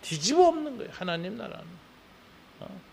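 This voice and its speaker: A Korean pastor preaching at an early morning service, talking conversationally with frequent tag questions and rising into fervent emphasis, then leading prayer. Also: male voice, high-pitched, very animated, fairly quick, gravelly, breathy edge.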